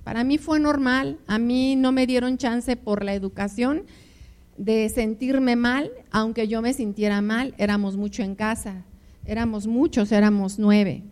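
Older woman, pastor for couples: heartfelt storytelling sermon, voice sits a bit high. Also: steady tone, unhurried. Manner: emotional storytelling with personal anecdotes; addresses listeners warmly as beloved ones. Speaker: preacher speaking to married couples. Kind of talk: conversational sermon.

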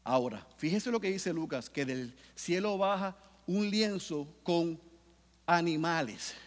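A man preaching a sermon, swinging from hushed talk to loud bursts and acting out quotes. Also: a little high, lively intonation, measured pace, long reverb tail. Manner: acts out Peter's voice in quotes. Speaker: pastor.

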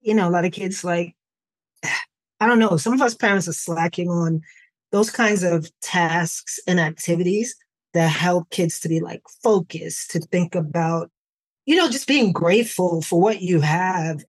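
In this conversational interview, a woman guest on a podcast, hailing from New York, USA, talks unhurriedly in a lowish register. Her storytelling is laid-back and peppered with "like" and "you know."

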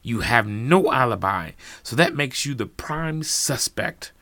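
A man's voice: mid-range voice, lively intonation, a little slow, pushed and bright, no room sound, voice pushed up. A man voicing a smug adult male police detective who asks clipped, demanding questions. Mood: accusing.

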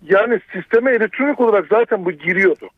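A man's voice: sits high, animated, fast talker, dry recording. A man calling a phone-in show by telephone, arguing his point. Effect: over a telephone. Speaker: phone-in caller, doctor. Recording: tinny, narrow phone line.

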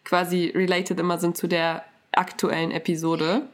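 A woman's voice: on the low side, flat delivery, normal speed. A young woman hosting a casual podcast chat, talking loosely with lots of fillers and dropping Japanese and English words in. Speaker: podcast host.

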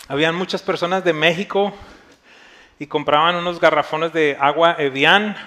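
A man's voice: on the high side, fairly bright tone. A male pastor preaching a sermon and telling a story vividly, acting out the dialogue as he goes.

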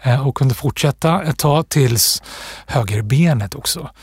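Guest author, male, breathy voice, thoughtful and unhurried, dry close sound. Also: mid-range voice, a little mellow, no echo. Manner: thoughtful, pausing, with restarts and fillers. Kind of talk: reflective interview talk.

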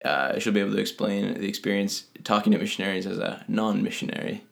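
A man's voice: on the low side, little pitch movement, quick pace, gravelly. A man co-hosting a podcast in a casual, chatty style. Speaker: guest co-host.

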